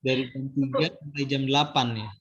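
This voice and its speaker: A woman's voice: rumbling low, level tone, brisk, dull audio. A woman hosting a casual online talk.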